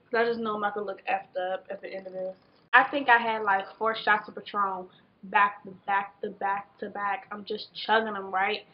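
A woman's voice: a little high, muffled recording. A tipsy American woman in her twenties, rambling drunkenly and animatedly in a casual storytime chat, often losing her thread. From Washington, D.C., United States. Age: 20s. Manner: animated exclamations and drawn-out words. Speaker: vlogger. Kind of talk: casual storytime chat while doing makeup. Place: small bedroom, indoors. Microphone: camera a short distance away.

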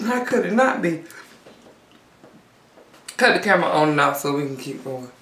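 A woman's voice: sits low, normal speed, a little hiss or hum. A woman hosting a mukbang video, chatting casually and joking in slang while eating, in a small room. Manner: relaxed, joking, slangy banter. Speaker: mukbang channel host. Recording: echoey small room, far from the mic.

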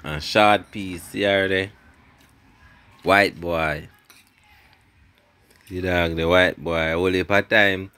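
Sitting low in pitch with fairly even intonation, this middle-aged Jamaican man draws out his words and pauses often, his tone bright, forceful and smooth. He chats casually in patois for his family vlog, outdoors on a wooden veranda at home, recorded on a handheld phone and frequently repeating phrases.

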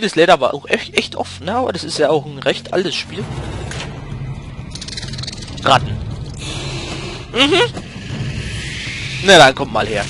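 Excitable young man commenting a game. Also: on the high side. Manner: slangy, swings from mumbling to loud outbursts during fights. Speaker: let's play host. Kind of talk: German let's play commentary.

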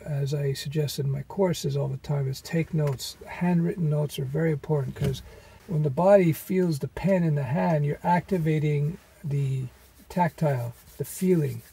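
A man teaching web development in a casual vlog, talking from a car into a phone, his voice weak and hoarse from laryngitis, rambling with many fillers. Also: fairly high pitch, mellow, low-quality recording. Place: inside a parked car.

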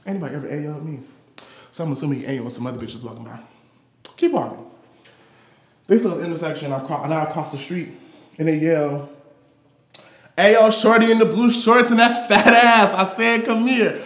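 A young Detroit performance artist relates candid stories from his life in a live gallery setting with roomy acoustics, speaking playfully, sassily, and with plenty of slang. His voice is a little high and a bit bright, fairly quick but broken by long pauses.

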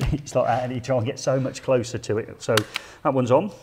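A man's voice: medium pitch, normal speed, background noise. A middle-aged man co-hosting a tool review, joking and rambling in casual banter while working. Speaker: co-host of tool review channel.

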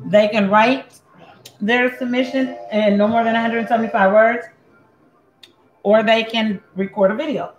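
A woman's voice: a little high, steady tone, measured pace, muffled recording. A woman from Puerto Rico hosting a casual cooking demonstration at home, chatting while she cooks and chewing between sentences. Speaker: home cook host. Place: home kitchen. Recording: echoey kitchen with faint ambient noise.

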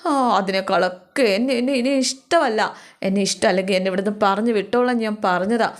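A woman voicing a wronged young woman who complains through tears in a halting way. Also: medium pitch, lightly acted. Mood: tearful.

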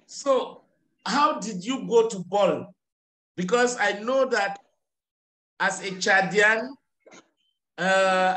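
A middle-aged man teaches English over a video call. His voice sits high and bright, and he takes his time, repeating corrections and slipping into to explain. The call audio sounds roomy. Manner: patient, corrects and repeats phrases, switches to French to explain. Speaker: English tutor. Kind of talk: online English lesson. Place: small office with tiled walls. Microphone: webcam on a video call.

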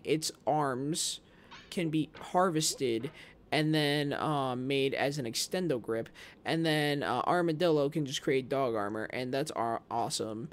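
A man streaming live and rambling excitedly at his chat, swinging from loud hype to low muttering. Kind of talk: live gameplay commentary to chat.

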